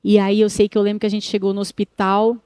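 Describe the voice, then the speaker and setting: A woman physician telling her faith testimony as a guest in a TV studio interview, in a lively storytelling manner that acts out the dialogue. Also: mid-range voice, fast talker, clean tone, no room sound.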